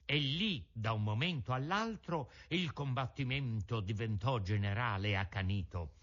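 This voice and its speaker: A man from Italy reading a classic children's book aloud with lively, theatrical storytelling. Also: mid-range voice, normal speed. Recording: dull lo-fi recording.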